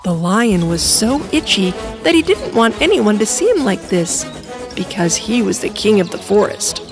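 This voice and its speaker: Woman, storybook narration, lively sing-song pitch, soft music behind. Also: moderate pace.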